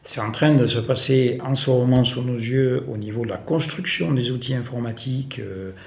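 A man with a gravelly, creaky voice gives an emphatic explanatory talk, improvising as he goes. The room adds a clear echo around his medium-pitched voice. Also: normal speed, a little mellow, slight background noise. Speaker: farmer speaking as an activist. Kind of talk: explanatory political talk, speaking off the cuff. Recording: echoey room recording.

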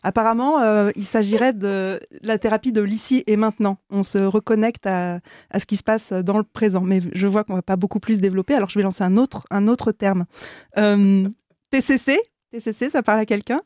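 A woman hosts a panel discussion, tossing out questions to her guests and pausing to wait for answers. Her voice is mellow and warm, and it sounds dry and close to the mic. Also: medium pitch, steady tone, dry recording. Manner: prompts the panel with questions, halting. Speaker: host.

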